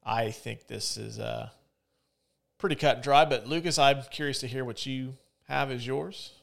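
A man hosts a podcast, chatting casually in a loose, profane style and often slipping into mock voices. His voice is medium-pitched and creaky, at a normal speed.

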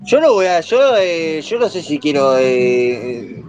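A man's voice: fairly high pitch, big pitch swings, slow pace, darkish tone. A young man with an Argentine accent bantering with housemates, evasive and stammering, full of fillers. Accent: Argentine Spanish. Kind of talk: casual banter among housemates. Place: indoors in a shared house. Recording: busy group chatter behind.

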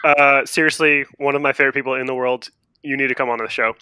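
A man's voice: medium pitch, steady tone, quick pace, pushed and bright, smooth, no room sound. A man hosting a casual podcast, reading out listener questions and bantering with a jokey, mock-grandiose manner. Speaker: podcast host.

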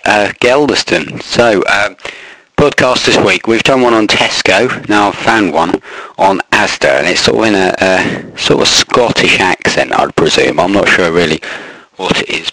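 A man's voice: low voice, sharp tone, no echo, poor audio. A man hosting a podcast in casual chat, rambling with lots of fillers. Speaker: podcast host.

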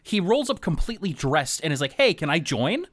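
A man's voice: on the high side, very animated, a little fast, a bit bright. A man hosting a casual podcast, talking enthusiastically and at length with laughing asides. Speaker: podcast host this week.

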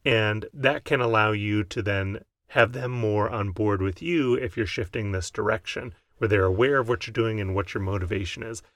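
A man's voice: fairly low pitch, moderate pace, few pauses, fairly bright tone, dry recording, clean studio sound. A man with an American accent giving conversational, explanatory advice as a podcast co-host. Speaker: podcast co-host, mental health provider.

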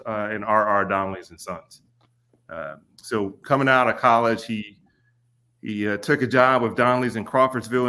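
A man in his forties from Kentucky, a podcast guest telling stories in an unhurried way with frequent ums and restarts. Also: mid-range voice, a bit bright. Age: 40s. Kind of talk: casual podcast interview.

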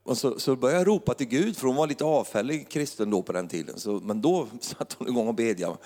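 A middle-aged man, a preacher telling a funny personal story in a sermon, chuckling as he goes and building up to excited praise. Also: mid-range voice. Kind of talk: humorous sermon testimony. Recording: long hall reverb.

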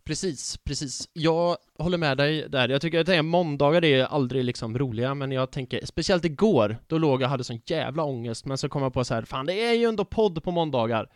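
A young male podcast host chatting casually, playful and quick to joke about himself. His voice is smooth and slightly high. The sound is close and dry, with no room around it. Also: no echo. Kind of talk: casual chat.

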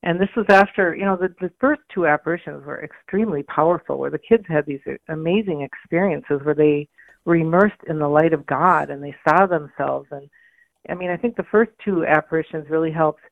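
A woman interview guest speaks in a low, gritty voice that is gravelly and hoarse. She explains things in a conversational way. The sound is narrow and tinny, as over a telephone, with very little room sound. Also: a little fast, no room sound. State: hoarse from a mild allergy. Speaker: interview guest, communications director. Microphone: phone call. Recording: tinny phone line, radio interview.

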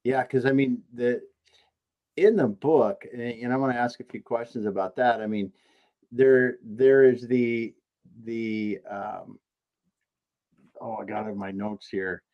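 A man's voice: mid-range voice, steady tone, unhurried. Hesitant male host on dull audio. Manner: hesitant, searching for words. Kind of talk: interview.

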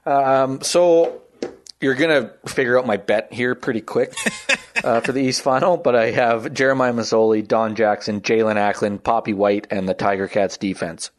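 A man's voice: medium pitch, fairly even intonation, normal speed. A man co-hosting a sports podcast, dry and teasing in casual banter. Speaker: podcast co-host.

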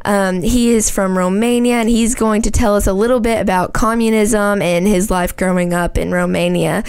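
A woman's voice: mid-range voice, steady tone, normal speed, darkish tone, clear, resonant tone. Upbeat young woman co-hosting a podcast. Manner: upbeat, chatty. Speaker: podcast co-host. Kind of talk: casual podcast chat.

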